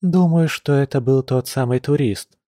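A man's voice: mid-range voice, normal speed, mellow, no echo, clean studio sound, close to an everyday voice. A man voicing an ironic, sceptical young woman in an audiobook, lightly raised from his own voice. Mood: hesitant, tense. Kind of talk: audiobook character voice.

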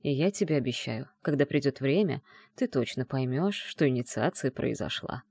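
A woman voicing a gentle, self-assured male mage who speaks in a soft, low, hushed murmur. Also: lively intonation, moderate pace, breathy edge, full character voice. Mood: tender, teasing.

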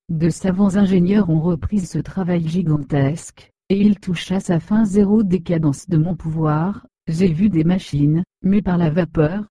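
A woman's voice: on the low side, dark tone, dry recording. A woman reading the part of a proud, bitter desert wind spirit that mourns its lost power, in lofty storybook speech.

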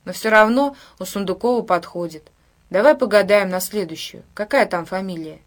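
A woman's voice: medium pitch, moderate pace, natural voice. A woman voicing a small, scrawny teenage boy who talks eagerly and a little naively.

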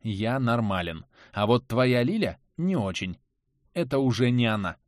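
A man voicing a gruff, blunt, tough male survivor in an audiobook. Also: mid-range voice, expressive, measured pace, dry recording, studio quality, natural voice. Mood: grim, cold. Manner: blunt, scornful.

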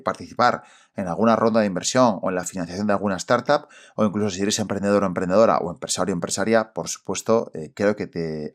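A man with an accent from Spain speaks in a fairly low voice that sounds sepulchral and bunged up by a cold. He delivers a solo podcast monologue as its host, addressing the listener directly with emphatic, colloquial phrasing and rhetorical questions. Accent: Spanish from Spain. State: congested with a cold. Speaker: podcast host and independent financial adviser.

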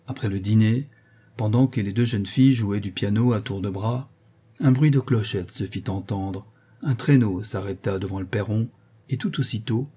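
A man narrating a classic novel aloud in a steady, measured way. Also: on the low side, slightly rough. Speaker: audiobook reader. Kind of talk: audiobook narration.

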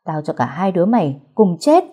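A woman playing a young ex-husband in an audio story, who swings from begging to rough threats. Her voice stays low and mellow, a little husky. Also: big pitch swings, a little fast. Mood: menacing. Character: young man, ex-husband, pleading then menacing.

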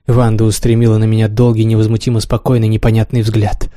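A man reading a classic novel aloud in a measured, even storytelling manner. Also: on the low side, dry recording, studio quality. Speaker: narrator. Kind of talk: literary audiobook narration.

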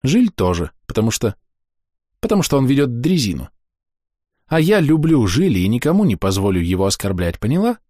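Man voicing a calm stern young woman. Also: mid-range voice, a little fast, no echo, studio quality, voice pushed up. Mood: firm. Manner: level, firm.

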